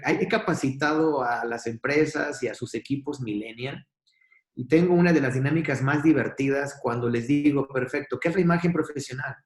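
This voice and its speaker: Man telling stories in a roomy space. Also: medium pitch. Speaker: guest, communication trainer. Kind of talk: casual podcast conversation.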